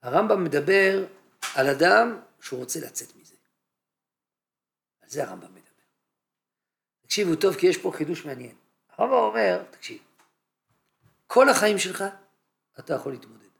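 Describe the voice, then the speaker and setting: A man's voice: sits high, animated, gravelly, pauses often, a bit bright. A man teaching a humorous religious lecture in a yeshiva study hall, telling stories and acting out scenes. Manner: anecdotal, acts out scenes.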